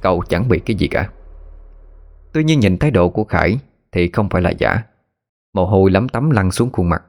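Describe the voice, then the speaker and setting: A man narrating a horror story in a steady, measured way. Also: low voice. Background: faint background music.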